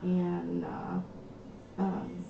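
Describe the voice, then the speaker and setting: A woman hosting a casual livestream from her craft room, chatting slowly and trailing off, her voice hollow and tinny like inside a tin can. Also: lowish voice, monotone, vocal fry. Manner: slow, chatty, trailing off mid-sentence. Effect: hollow tinny sound, like inside a tin can. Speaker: livestream host. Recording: echoey, dull lo-fi stream audio with faint background noise.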